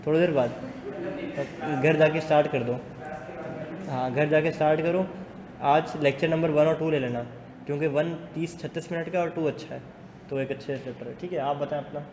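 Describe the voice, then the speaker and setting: A man teaching a business law class in a classroom. He talks fast, teases students and mixes English into his speech. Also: a little high, fairly even intonation, crowd noise. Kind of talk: classroom lecture. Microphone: not using the class mic. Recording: echoey classroom with long reverb and faint noise.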